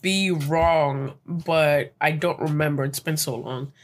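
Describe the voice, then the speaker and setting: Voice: mid-range voice, fairly even intonation, slow pace. A speaker in a casual gaming chat who rambles loosely and swears freely.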